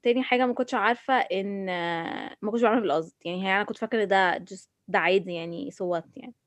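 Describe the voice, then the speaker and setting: A woman with an Egyptian accent talking casually about herself, halting and restarting as she switches between Arabic and English. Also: medium pitch, no room sound. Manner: mixes Arabic and English mid-sentence. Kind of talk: casual personal discussion.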